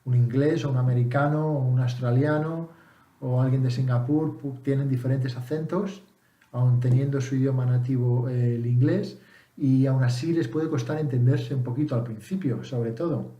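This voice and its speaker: A man's voice: medium pitch, fairly even intonation, moderate pace, mellow, reverberant, muffled recording. A man from Spain giving a casual spoken lesson as an English teacher, thinking aloud with frequent fillers and restarts.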